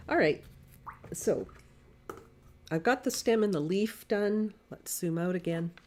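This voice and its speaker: Soft-spoken woman teaching watercolor. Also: medium pitch, lively intonation, takes it slowly, pauses often, soft background music. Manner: quiet, soft-spoken, thinking aloud while painting. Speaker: watercolor art instructor. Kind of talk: live painting lesson. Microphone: desk mic near camera.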